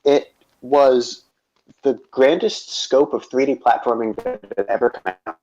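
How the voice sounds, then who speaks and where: A man chatting on a gaming podcast, stopping and restarting often and filling gaps with "um" and "uh". His voice sits at an ordinary pitch. The audio is dull and lo-fi. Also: a little mellow, faint music behind. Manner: halting, many fillers and restarts. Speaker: podcast co-host. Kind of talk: casual gaming chat.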